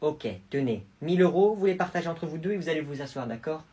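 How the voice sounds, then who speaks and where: A performer playing a spoiled rich schoolboy in a comedy sketch. He talks in a low, hushed, smug murmur. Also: animated, quick pace, slightly rough.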